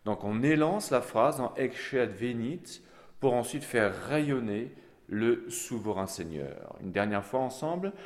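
Slow-spoken man teaching chant, long reverb. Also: mid-range voice, animated. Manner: slow, explanatory, with soft fillers. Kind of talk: chant lesson with sung examples.

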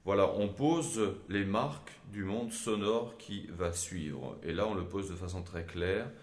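A man teaching Gregorian chant in a measured, explanatory way, often pausing to hesitate, with short sung examples. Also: deep voice. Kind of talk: spoken lesson with sung examples. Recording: echoey room.

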